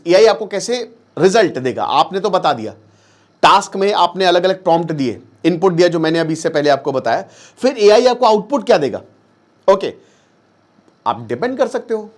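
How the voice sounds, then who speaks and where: High-voiced male teacher, chatty and conversational. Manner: conversational, checks in with the listener often; mixes English terms into Hindi speech. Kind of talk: casual explanatory lesson.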